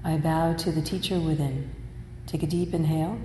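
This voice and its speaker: A woman teacher leading a guided meditation, speaking in slow, measured, soothing instructions with long pauses. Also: deep voice, fairly even intonation, mellow. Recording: roomy hall reverb, faint noise.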